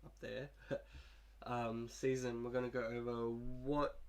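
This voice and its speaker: Sick and coughing, a young gaming YouTuber slowly works through his video game team in relaxed, wandering commentary. His voice is medium-pitched and level in tone.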